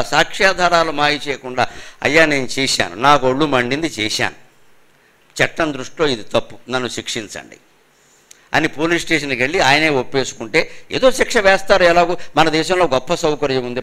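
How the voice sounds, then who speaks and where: An older man giving a spiritual lecture in a function hall, emphatic, asking rhetorical questions and chanting verses slowly. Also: on the high side, bright, forceful tone. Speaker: religious discourse speaker. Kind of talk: spiritual lecture to a live audience.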